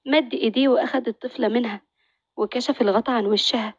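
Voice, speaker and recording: A woman narrating a story in a brisk, expressive reading. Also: on the high side, slightly rough, no echo, dull audio.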